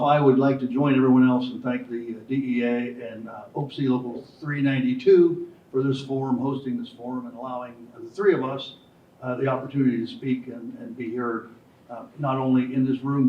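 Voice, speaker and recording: A man in his sixties, a school board candidate, answering forum questions in a formal, measured way with some hesitations. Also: medium pitch, a little hiss or hum. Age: 60s. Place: classroom-like meeting room. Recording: echoey room from far off, dull sound.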